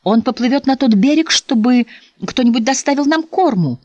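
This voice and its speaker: A woman's voice: mid-range voice, sing-song, fast talker, darkish tone, no echo, highs cut off, voice pushed up. A woman voicing an anxious, simple-hearted mother sow who speaks in a fretful, homely way. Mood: proud.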